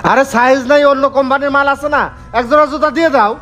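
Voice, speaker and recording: Bossy shopkeeper type, man with a very high voice, blunt and harsh. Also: steady tone, rapid-fire, sharp tone, muffled recording, soft background music. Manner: scolding, rough colloquial speech. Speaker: shop owner in a skit. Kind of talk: amateur social drama acting.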